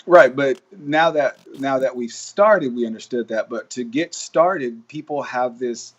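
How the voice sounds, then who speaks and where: A man's voice: mid-range voice, a little slow, dull audio. A man hosting a podcast in casual live-stream chat, blunt and joking, swearing casually. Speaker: podcast host.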